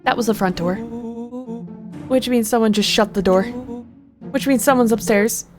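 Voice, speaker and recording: A woman's voice: on the high side, measured pace. A woman streamer casually reading game dialogue aloud in a playful, joking way, adding asides. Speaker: game streamer voicing characters. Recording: with faint game music behind. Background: faint game music.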